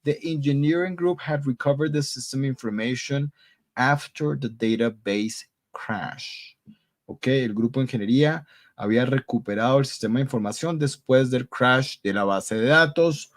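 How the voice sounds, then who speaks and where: Speaking at a moderate pace in a mid-range voice, this male teacher runs a live online English grammar lesson and reads his students' answers aloud. His tone is upbeat and encouraging as he switches among Spanish, English and Portuguese, often repeating "muy bien."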